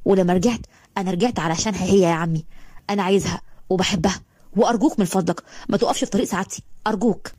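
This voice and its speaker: A tender, pleading young man in love, voiced by a female narrator in her own voice. Egyptian Arabic lilt, warm and breathy, delivered quickly. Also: mid-range voice, dry recording, natural voice. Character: young rich man, tender and earnest suitor.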